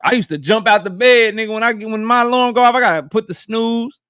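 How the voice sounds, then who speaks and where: A man in his thirties chats casually with his live stream viewers, ribbing them and breaking into laughs. His voice sits high and comes through smooth. The recording is close and dry. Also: fast, pushed and bright, no echo. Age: 30s. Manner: joking, roasting chat members, laughs often.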